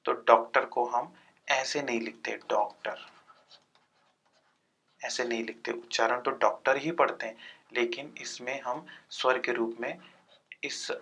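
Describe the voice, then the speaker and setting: A man's voice: medium pitch, fairly even intonation, normal speed, pushed and bright, breathy edge. A male teacher giving an exam-prep grammar lesson, sounding out letters one by one and answering his own questions.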